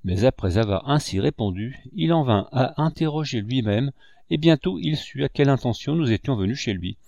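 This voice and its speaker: A man reading a classic novel aloud as audiobook narration, in an expressive, measured storytelling manner. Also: medium pitch, creaky, no room sound, dull audio. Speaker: audiobook reader.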